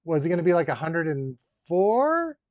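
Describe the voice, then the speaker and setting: Chatting with viewers on a casual live stream, a toy-collecting host rambles and jokes, dropping dry, teasing asides. His voice is on the high side, sing-song and darkish, at normal speed, recorded with roomy echo and dull lo-fi sound.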